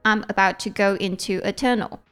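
A woman with a Taiwanese Mandarin accent co-hosts a casual English-learning podcast. Her voice sits in the middle range, and she answers with quick reactions while mixing English phrases into the chat. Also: mid-range voice, steady tone, fairly bright tone, clean tone. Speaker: podcast co-host teaching English.

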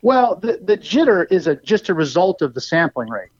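A man's voice: sits high, very animated, normal speed, no echo. A man calling in as a guest by cell phone, his voice compressed and the connection cutting out as he eagerly explains technical details with everyday comparisons. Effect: compressed cell phone line cutting out. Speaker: guest product expert. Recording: dull, lo-fi phone call audio.

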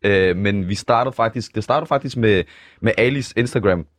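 A man's voice: on the low side, no echo. A man co-hosting a casual studio talk show, telling the group's story and acting out quoted voices. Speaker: podcast co-host. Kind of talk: casual chat. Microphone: studio mic.

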